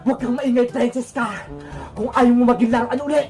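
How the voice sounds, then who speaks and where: A woman voicing a menacing old witch grandmother who gloats and threatens in a lowered voice. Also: fairly even intonation, brisk, music in the background, lightly acted. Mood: gloating.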